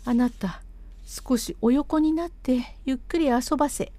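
A woman voicing a gentle young mistress of an old house, giving refined, caring instructions in old-fashioned speech. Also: high voice, measured pace, no room sound, voice pushed up.

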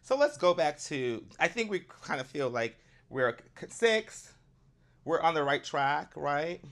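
A man's voice: a little high, very animated, measured pace, fairly bright tone. A man giving casual commentary, thinking aloud in a rambling way as he goes. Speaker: vlogger checking a program.

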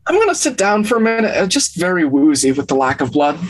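A woman voicing a badly wounded, woozy undead comrade, halting, deadpan and meekly agreeable, in a tabletop role-play. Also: lowish voice, voice pushed up.

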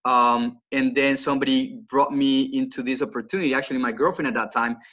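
On a casual podcast interview, a financial coach from Colombia in his twenties shares his story in English, his Colombian Spanish accent clear. He's earnest and frequently repeats words when restarting. He speaks briskly in a steady, mid-range, fairly bright voice, and the sound is lo-fi.

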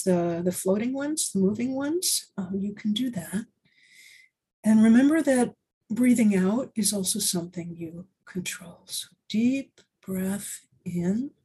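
Slow, soft-spoken woman guiding breathing. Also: mid-range voice, husky. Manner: slow, gentle, soothing instructions. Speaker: breathing instructor. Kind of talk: guided breathing exercise.

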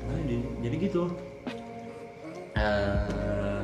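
A young man with a Sundanese accent talks easily through an interview, often repeating himself. His voice sits a little low, and it echoes in the room with music playing underneath. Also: drawn-out words. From West Java, Indonesia. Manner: relaxed, repeats words, mixes in Sundanese slang. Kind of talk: casual interview chat.

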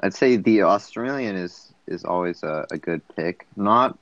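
A man's voice: low voice, lively intonation, measured pace, a bit bright, no room sound, muffled recording. A young man in a casual podcast chat, hesitant and offhand. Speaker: podcast co-host.

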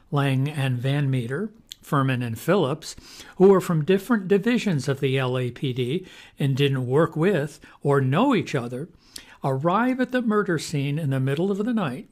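A presenter with a medium-pitched voice delivers scripted narration like a closing argument to a jury. The delivery is rhetorical and emphatic, leaning on pointed questions. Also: darkish tone.

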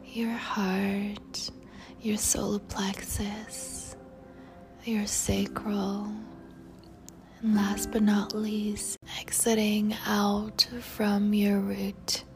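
A woman guiding a meditation in a soft, breathy spa whisper, soothing and tender toward the listener. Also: medium pitch, monotone, extremely slow. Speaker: meditation guide. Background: music.

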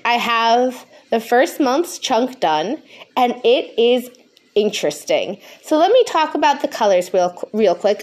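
A stoned woman podcast host talking casually and frankly, rambling, swearing freely and losing her thread. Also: medium pitch.

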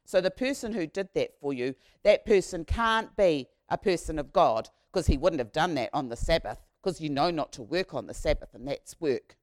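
A woman's voice: mid-range voice, wildly swooping pitch, takes it slowly, mellow, heavily acted. A woman voicing a group of indignant male temple leaders who fire accusing questions as she retells a Bible story.

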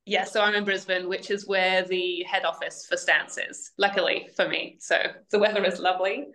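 A woman's voice: mid-range voice, flat delivery, normal speed, pushed and bright, rough recording. A woman, chatting as a guest on a podcast interview and laughing between remarks. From Wales. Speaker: guest equine nutrition specialist.

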